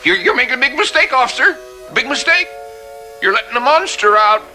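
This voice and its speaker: A man's voice: very high-pitched, expressive, brisk, bright, forceful tone, soft background music, exaggerated voice. A man playing an agitated, accusing old man in a vintage television drama. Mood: urgent warning.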